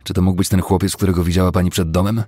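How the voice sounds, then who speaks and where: A man's voice: deep voice, level tone, racing, dark tone, no echo, studio quality. Charles, a cold, curt young man, read by a man. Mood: stern.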